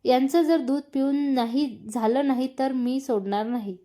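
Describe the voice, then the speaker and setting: A woman reading a young man's lines in a spoken romance story, voicing a caring uncle in a calm, softly teasing way. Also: sits high, normal speed, lightly acted. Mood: gentle.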